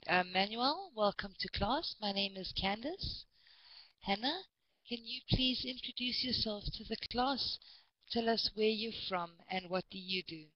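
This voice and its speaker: A woman's voice: medium pitch, dry recording. Brief: woman from South Africa, online English teacher, patient and encouraging, dry close sound, a bit dull. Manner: patient, encouraging, repeats names. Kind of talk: leading an online class.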